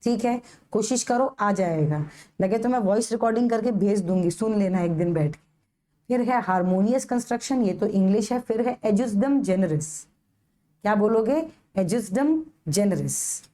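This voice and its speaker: A woman's voice: mid-range voice, normal speed, dark tone. A young woman lecturing a live online class with an Indian English accent, patiently drilling Latin legal phrases syllable by syllable and teasing her students.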